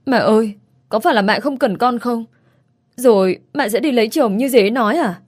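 A woman's voice: a little high, a little fast, a little mellow, pitched above the performer's own voice, lightly acted. A woman voicing a frightened little girl who sounds hurt and pleading. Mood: tearful pleading. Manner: pleading and plaintive.

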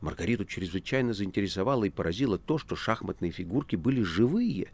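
A man narrating an audiobook in an expressive, lively storytelling manner. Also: fairly low pitch, quick pace. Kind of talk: scripted narration.

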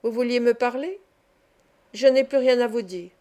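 A woman's voice: a little high, normal speed, warm tone, close to an everyday voice. A woman reading an audiobook and voicing a sly, cruel master of children who talks in a honeyed, mocking way. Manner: honeyed, mocking, with sudden threats. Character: sly, cruel middle-aged man, a child-exploiting master.

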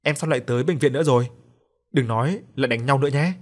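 A man's voice: mid-range voice, quick pace, a little mellow, natural voice. A man reading the part of a kind young woman in hospital, pleading and anxious. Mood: gentle.

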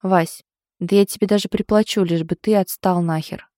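A woman's voice: on the low side, steady tone, normal speed, warm tone, dry recording, lightly acted. A woman voicing a tired, blunt young woman photographer in an audiobook, curt and dryly ironic. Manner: curt, weary, dry irony.

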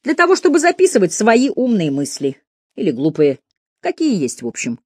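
A strict male schoolteacher in a storybook reading, giving firm, commanding orders to a noisy class, as a woman narrator puts him on. The voice swings widely in pitch, and the recording is close and dry. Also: wildly swooping pitch, normal speed, breathy edge, no room sound. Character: stern young male geography teacher. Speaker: teacher.

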